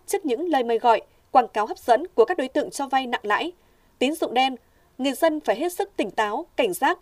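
A woman presenter reading a public-information segment in a measured, formal broadcast style. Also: high-pitched, no room sound, distant mic. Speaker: radio presenter.

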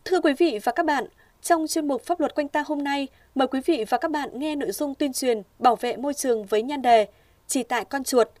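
A woman's voice: high voice, darkish tone, far from the mic, soft background music. Formal woman radio presenter. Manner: measured, formal. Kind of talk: formal broadcast reading.

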